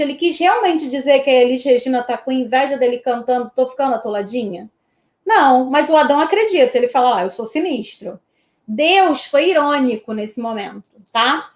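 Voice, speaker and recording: A woman's voice: high-pitched, reverberant. A woman from Brazil teaching an online exam-prep lesson in a chatty way, checking in with her students after almost every point.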